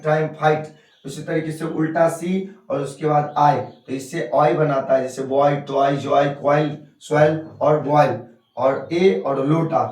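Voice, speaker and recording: A man teaching English sounds in a classroom lesson, drilling words and asking and answering his own questions. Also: fairly high pitch. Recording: echoey room, mic far off.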